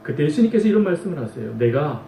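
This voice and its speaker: A man's voice: high-pitched, very animated, brisk, a little mellow, roomy sound, distant mic, a little hiss or hum, poor audio. A male pastor preaching a sermon, emphatic and full of rhetorical questions to the congregation. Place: church sanctuary.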